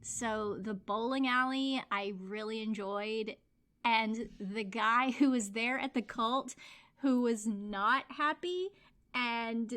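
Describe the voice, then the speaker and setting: Bright-voiced, laughing woman podcast co-host. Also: a little high, slow pace. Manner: lively, laughs often, acts out quotes. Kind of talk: casual book discussion.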